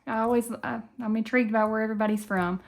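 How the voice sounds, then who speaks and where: A woman's voice: fairly high pitch, fairly even intonation, quick pace, gravelly. A woman from Tennessee with a country Appalachian Southern accent, chatting casually and folksily to viewers as the host of a budgeting video.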